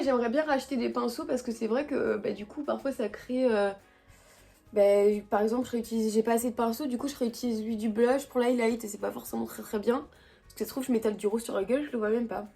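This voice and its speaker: A young beauty vlogger with a fairly high, darkish voice chats casually through her makeup routine at home. Her talk rambles, full of slang, fillers and restarts, and it's picked up by the camera mic.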